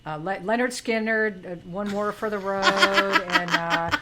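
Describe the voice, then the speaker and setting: A woman co-host in casual chat who talks haltingly, stacking up fillers and restarts. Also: medium pitch, bright, forceful tone, a little hiss or hum.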